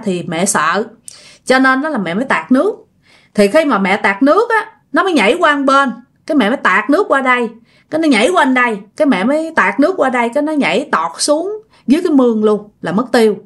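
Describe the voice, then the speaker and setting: A woman telling a ghost story in a chatty, expressive way, talking straight to her listeners. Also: on the high side. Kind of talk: casual ghost story narration.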